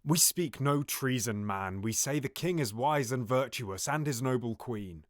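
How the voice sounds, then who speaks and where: An actor playing Richard III as a bitter, scheming duke in a classical audio drama, with a theatrical, confiding delivery. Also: male voice, medium pitch, lively intonation, unhurried, dry recording, studio quality, close to an everyday voice. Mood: feigned concern. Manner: intimate, theatrical, often near-whispered soliloquy. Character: scheming, bitter duke, villainous brother of the king.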